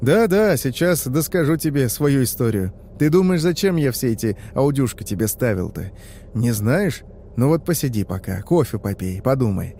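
A man's voice: mid-range voice, lively intonation, normal speed, dark tone, slight background noise. A man in the role of a taxi driver, telling a horror story in a conversational, confiding way. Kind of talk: scripted horror narration.

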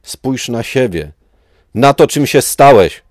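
A fierce, desperate young warrior woman, voiced by a man raising his voice high. Her lines come out shaky and loud, cried in defiance, close and dry. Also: normal speed, no echo. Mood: anguished.

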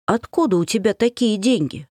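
A woman reading an audiobook, voicing a calm, hoarse police chief who speaks almost apologetically. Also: medium pitch, normal speed, no room sound, clean studio sound, pitched above the performer's own voice, lightly acted.

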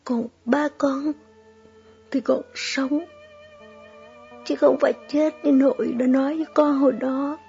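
A hurt young girl speaks through tears in a choked, raised voice, as a woman narrator puts her on. Her words come slowly between sobs in a spoken storybook. A faint musical bed sits under a slightly dull recording. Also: sits high, steady tone, creaky, mellow, soft background music, pitched above the performer's own voice. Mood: tearful. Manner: choked, sobbing. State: crying. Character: young granddaughter, tearful and hurt.

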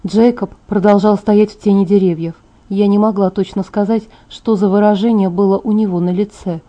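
A woman's voice: mid-range voice, steady tone, normal speed, dark tone, dull audio. A woman narrating a first-person novel as an audiobook, reading with heartfelt emotion.

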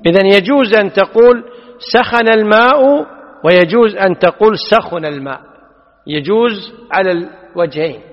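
A man teaching a lesson on a classical text, patiently explaining and putting questions to his students. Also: fairly high pitch. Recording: dull audio, long hall reverb.

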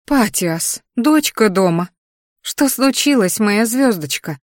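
A woman's voice: medium pitch, expressive, takes it slowly, dry recording, studio quality, voice pushed up. A woman voicing an anxious, doting middle-aged noble mother who speaks in a fretful, fussing way. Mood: worried.

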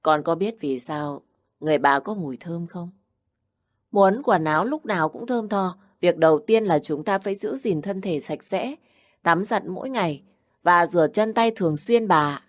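A loving old grandmother speaks soft and tender, as a woman reads her in a storybook. Her voice sits low and calm. The sound is dry and close. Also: moderate pace, no room sound, natural voice.

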